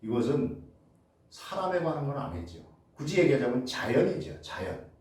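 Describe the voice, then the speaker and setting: A man's voice: medium pitch, very animated, normal speed, darkish tone. A male lecturer giving a public humanities talk, posing rhetorical questions and answering them himself, with many filler sounds. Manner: frequent filler sounds and restarts. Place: lecture hall. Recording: very echoey hall, distant mic.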